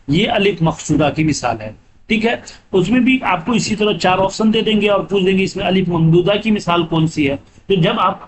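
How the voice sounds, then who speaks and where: A man's voice: high-pitched, background noise. A man teaching grammar for an exam, repeating terms and asking then answering his own questions. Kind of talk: exam-prep lesson.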